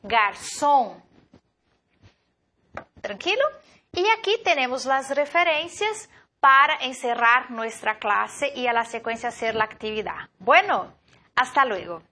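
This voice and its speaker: Woman teacher, high bright voice, talks slow and spells out each word, keeps asking if students are with her. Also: lively intonation. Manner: slow, careful model pronunciations of words; checks in with tag questions to students. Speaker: language teacher. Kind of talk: recorded online class.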